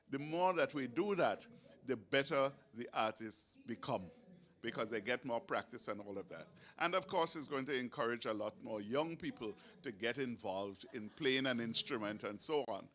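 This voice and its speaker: Guy doing chatty event commentary, normal mid pitch, unscripted. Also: a bit bright. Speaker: broadcast commentator.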